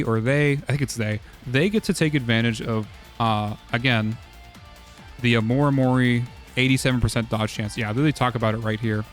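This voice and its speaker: A man streaming casual game strategy talk, hoarse from losing his voice, rambling with many "uh"s and "like"s. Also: mid-range voice. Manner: rambling, full of "uh" and "like".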